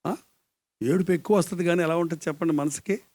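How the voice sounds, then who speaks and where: A male evangelist preaching a live sermon, dropping to hushed murmurs, then rising into loud, impassioned cries and asking the congregation questions. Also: fairly high pitch, fast talker.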